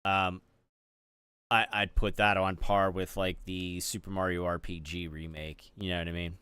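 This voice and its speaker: A man's voice: low-pitched, flat delivery, normal speed, pushed and bright, clean tone, dry recording. A man streaming, chatting casually with viewers while he builds. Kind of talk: casual live-stream chat.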